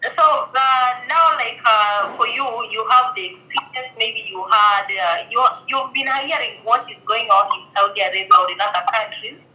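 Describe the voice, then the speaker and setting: Bright-voiced woman interviewer, echoey phone line. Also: a little high, moderate pace, few pauses. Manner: hesitant questions with fillers. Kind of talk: casual interview.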